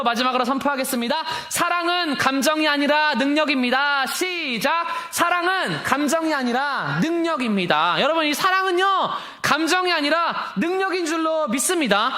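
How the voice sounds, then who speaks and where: An impassioned young man delivers a sermon in a fairly high voice. His pitch leaps and drops constantly, and he drives his points home with rhetorical questions. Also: sharp tone. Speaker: preacher.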